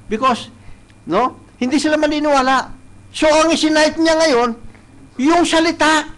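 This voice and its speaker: High-voiced man preaching a sermon. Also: a bit bright, poor audio. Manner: switches between Tagalog and English, tagging points with "no?"; reads verses slowly and deliberately. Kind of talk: sermon with scripture reading. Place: church service, streamed live.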